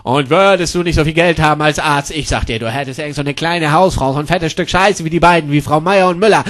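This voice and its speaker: A brash, crude loudmouth voiced by a man barks in a high, raised voice. He is rude, boastful and impatient, and he mangles English words into his German. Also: fast talker, close to an everyday voice. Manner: loud, rude, mixes broken English into German. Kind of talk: comedy sketch acting.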